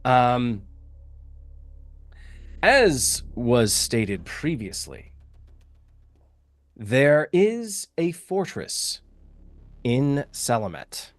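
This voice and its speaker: A man narrating a tabletop game as game master, speaking haltingly and searching for words. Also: mid-range voice, very animated, dry recording. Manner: halting, full of fillers and restarts.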